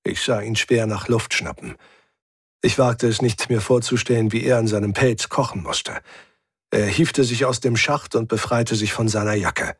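A man reads a first-person adventure with steady tension, his voice a little husky. The recording is dry, with no room sound. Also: moderate pace, no echo. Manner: tense, voices characters by pitching up. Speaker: audiobook narrator. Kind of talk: dramatic first-person audiobook reading.

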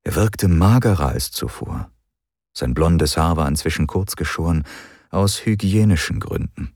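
Man narrating an audiobook, extremely low voice, dry close sound, calm and measured. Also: no room sound. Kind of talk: scripted narration.

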